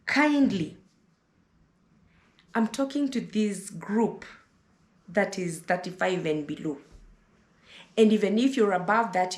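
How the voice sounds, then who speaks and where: A woman's voice: medium pitch, echoey room. A Kenyan woman in her thirties gives motherly advice straight to camera, lecturing and repeating herself to drive points home. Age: 30s. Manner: motherly, lecturing, repeats words and says "listen" often. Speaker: vlogger giving advice. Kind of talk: casual advice monologue to camera.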